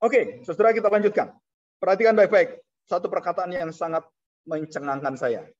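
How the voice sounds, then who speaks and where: A man preaching a sermon as a pastor, animated, his voice rising high when he acts out frightened people and dropping low for solemn points. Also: moderate pace. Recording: dull lo-fi sound.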